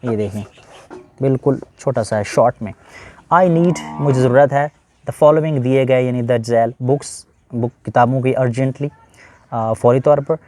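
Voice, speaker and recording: A man's voice: mid-range voice, unhurried, warm tone. A man with a Pakistani Urdu accent, an English teacher patiently explaining a letter-writing lesson, switching between English phrases and Urdu explanations.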